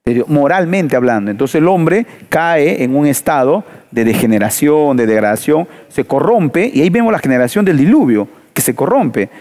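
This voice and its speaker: A man's voice: fairly high pitch, lively intonation, moderate pace, few pauses, a little mellow. A man preaching in a panel discussion, asking rhetorical questions and telling stories with emphasis.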